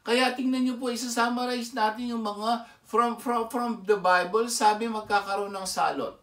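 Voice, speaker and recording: Filipino guy preaching, high voice, keeps asking the crowd questions, sounds far from the mic. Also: steady tone, normal speed, a bit bright. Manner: emphatic, keeps asking the audience rhetorical questions. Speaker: lay preacher. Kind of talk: Taglish sermon commentary. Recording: echoey room, mic set far off.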